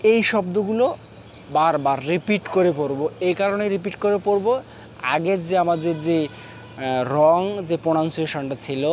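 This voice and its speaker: A man teaching English pronunciation, drilling example words over and over in a steady repeated rhythm. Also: a little high, muffled recording, a little hiss or hum. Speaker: English teacher and course founder. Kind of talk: spoken English pronunciation lesson.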